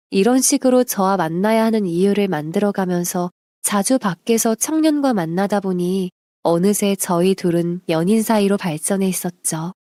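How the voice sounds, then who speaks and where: A woman narrates a submitted life story in a steady, confiding way. Her voice is mellow and warm, and the recording is dry with no room sound. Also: medium pitch, no echo.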